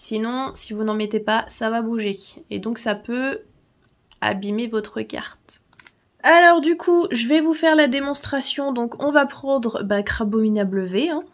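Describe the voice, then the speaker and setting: Chatty woman with a higher voice. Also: measured pace. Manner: chatty, laughs often, many fillers. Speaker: channel host. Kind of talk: casual tutorial vlog.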